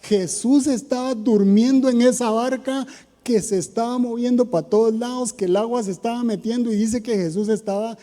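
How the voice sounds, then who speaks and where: A man with a Costa Rican accent preaches a sermon in a chatty, questioning manner. His voice sits a little high but sounds dark and mellow. A long church reverb trails behind every phrase. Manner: conversational preaching with rhetorical questions.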